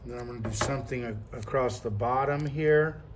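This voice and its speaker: A man in his fifties works through a casual product demo at a classroom table, describing each step aloud and going over things again as a reviewer. His mid-range voice moves at a moderate pace against a noisy background.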